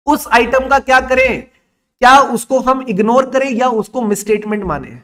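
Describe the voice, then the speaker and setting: A high-pitched man with an Indian accent, running an exam revision class. He teases his students and acts out the lesson's ideas as little dramatic characters. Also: normal speed, a bit bright. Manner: playful, teasing, dramatizes concepts as characters. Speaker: teacher.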